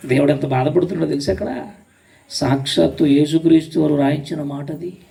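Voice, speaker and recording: A man delivers a sermon, firing rhetorical questions and repeating phrases for emphasis. His voice sits high and rough with fry, and the mic catches him from some distance away. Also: fairly even intonation, a little fast, dark tone. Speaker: pastor.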